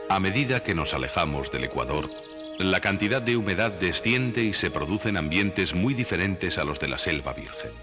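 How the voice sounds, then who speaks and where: A man reading scripted nature documentary narration in a measured, didactic way. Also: deep voice, very animated. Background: background music.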